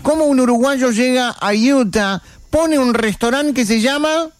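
Radio host guy, rioplatense accent, high voice, upbeat, faint music behind. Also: measured pace, no echo, clean studio sound. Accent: Rioplatense Spanish. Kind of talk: radio interview.

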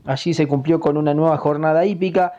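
A man with a Uruguayan accent giving a formal, measured report of horse racing results as a radio correspondent. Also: on the high side, fairly even intonation, mellow, muffled recording.

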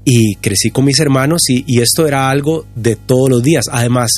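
Earnest husky pastor in his fifties. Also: mid-range voice, soft background music. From Costa Rica. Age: 50s. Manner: earnest, halting with many restarts. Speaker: pastor and guest. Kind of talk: candid testimony on a podcast.

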